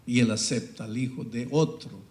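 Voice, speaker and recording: A man preaching a sermon, swinging dramatically between hushed and loud passages. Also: medium pitch, moderate pace, echoey room.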